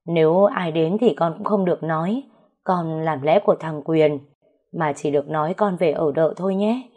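A woman voicing a cunning older mother-in-law who coaxes and warns in a low, even tone. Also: moderate pace, slightly rough. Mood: stern. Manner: coaxing then threatening.

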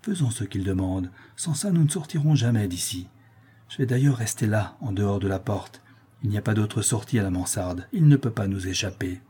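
A man reading an audiobook and voicing a coarse, impatient bailiff's officer who talks gruffly and brusquely. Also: fairly low pitch, animated, moderate pace, mellow. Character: rough male debt collector's officer, impatient and coarse.

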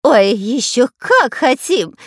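Lady doing a whiny greedy little thief, slow and high. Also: very animated, breathy edge, dry recording, studio quality, exaggerated voice. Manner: whining, slow and drawn-out. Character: greedy whining male robber.

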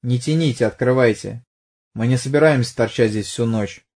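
A man's voice: medium pitch, moderate pace, a little mellow, natural voice. Man voicing a pushy cop who keeps needling, sarcastic and blunt. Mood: probing. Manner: pressing, mocking, blunt. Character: pushy sarcastic middle-aged police detective.

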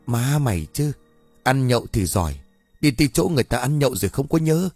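A man voicing a sharp-tongued middle-aged aunt who scolds in rapid bursts. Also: medium pitch, sing-song, slightly rough, dry recording, soft background music. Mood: scolding.

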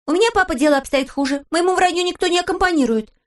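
Woman doing a wild, shrill storybook girl. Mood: playful. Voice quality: high, bright and shrill. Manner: boastful, quick and playful. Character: wild cheerful girl who loves tall tales.

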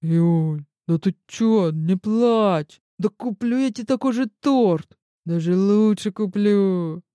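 A woman's voice: medium pitch, takes it slowly, mellow, no echo, lightly acted. A woman voicing a cocky young man fresh out of prison, smirking and teasing in an audiobook reading. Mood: soothing. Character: cocky young male ex-convict charmer. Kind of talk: audiobook character voice.

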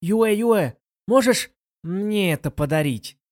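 A woman's voice: medium pitch, lively intonation, takes it slowly, darkish tone, pitched above the performer's own voice. A reader voicing a shy, stubborn young girl who gets flustered when teased, in a storybook reading. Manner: timid, flustered.

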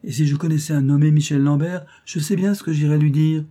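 A man's voice: a little high, steady tone, a little fast, dark tone, pitched above the performer's own voice, natural voice. A man voicing a bold, cheeky poor kitchen boy in a storybook reading. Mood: eager. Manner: eager, cheeky.

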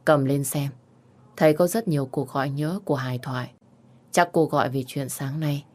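A woman narrating a scripted romance story in a steady, even storytelling manner. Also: low voice, normal speed.

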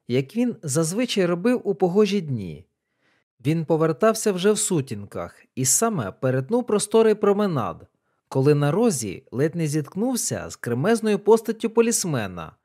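A man narrating a story with a mellow, dark-toned voice. His pitch sits somewhat high and moves a lot, giving an expressive, lively reading. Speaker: audiobook narrator. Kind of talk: scripted narration.

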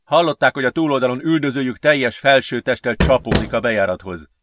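A man reading an adventure novel aloud as an audiobook narrator, steady and measured. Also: medium pitch, noisy background. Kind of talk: scripted narration.

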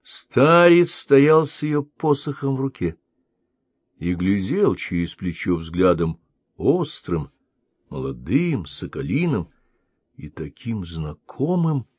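A male narrator reads a historical tale in an unhurried, measured way. His voice sits a bit low. The sound is dry and close to the mic. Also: big pitch swings, darkish tone, slightly rough, no room sound. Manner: slow, measured storytelling.

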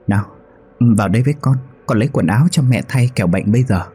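A man with a husky voice voicing an anxious, grieving young woman who pleads through tears. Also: fairly low pitch, fast talker, mellow, faint music behind. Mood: pleading. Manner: pleading, tearful.

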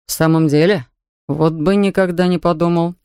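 A woman voicing a courteous middle-aged male doctor in an audiobook reading, speaking in a measured, gently wry way. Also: lowish voice, fairly even intonation, smooth, no echo, clean studio sound, lightly acted. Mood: guarded.

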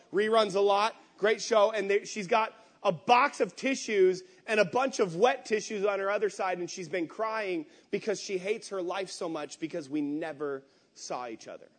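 High-voiced man preaching a conversational sermon. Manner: animated, swinging between loud emphatic bursts and quiet asides; candid venting tone. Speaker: pastor.

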